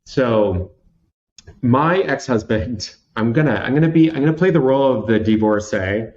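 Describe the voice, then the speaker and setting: A man in his thirties from Washington State, USA, tells a personal story as an interview guest, candid and conversational, theatrical and self-mocking, with many restarts. His mid-range voice is animated, at normal speed, and a little mellow. The audio is dull, with a little hiss or hum.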